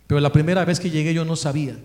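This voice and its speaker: A man with a Mexican accent giving a religious talk, telling a story in a lively way and acting out the people he quotes. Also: fairly high pitch, racing, echoey room. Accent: Mexican Spanish.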